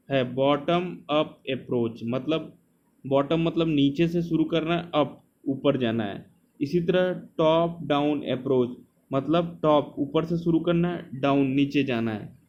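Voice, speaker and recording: A man's voice: a little high, a little mellow. A man teaching an exam coaching lesson, repeating key terms again and again as he drills them. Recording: slightly dull lo-fi sound, faint noise.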